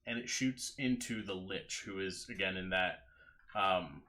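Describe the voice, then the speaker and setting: A man's voice: sits low, measured pace, pushed and bright. A man working as game master, narrating a live tabletop game in casual, profane banter. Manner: profane, informal.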